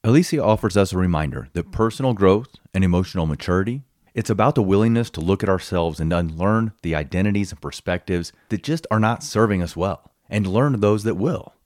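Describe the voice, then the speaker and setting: A man hosting a conversational podcast, speaking in an earnest, measured way as he introduces his guest and asks questions. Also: low voice, expressive, a little mellow, no room sound, clean studio sound. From Colorado. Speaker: podcast host. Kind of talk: podcast interview.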